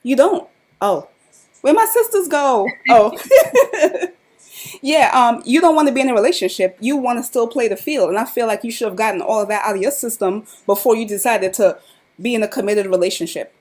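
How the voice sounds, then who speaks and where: Emphatic woman on a girl-talk show, blunt, repeats herself, a bit high. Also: expressive, moderate pace, a little mellow. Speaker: podcast co-host. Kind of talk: casual live chat.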